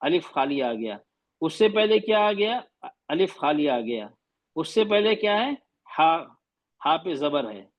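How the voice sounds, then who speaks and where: A man's voice: on the high side, sing-song, measured pace. A man teaching a class, patient, asking questions and repeating his points, mixing in English terms. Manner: mixes Hindi with English terms. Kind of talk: classroom lesson.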